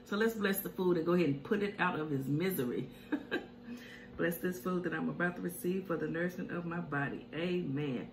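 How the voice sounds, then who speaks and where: Talking briskly in a fairly low voice, a middle-aged woman hosts a home cooking mukbang show, chatting casually and humming as she eats. The indoor home kitchen recording has an echoey room sound and faint hiss.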